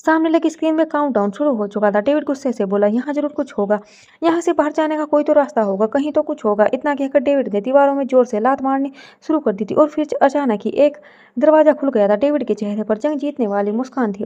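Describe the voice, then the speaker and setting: A woman narrating a dramatic romance story in a steady storytelling voice. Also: sits high. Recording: dull lo-fi recording.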